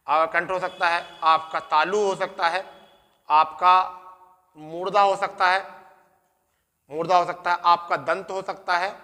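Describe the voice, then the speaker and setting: High, bright-voiced male Hindi teacher. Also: long reverb tail. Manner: repeats questions and answers, addresses students as "beta". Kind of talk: exam-prep lesson.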